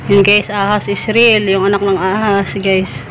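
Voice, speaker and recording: A woman's voice: mid-range voice, level tone, normal speed. A cheerful young woman vlogging outdoors at a flooded farm, laughing often and talking to her viewers as guys. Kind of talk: casual vlog chat. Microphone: phone at arm's length. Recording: outdoor noise from a phone.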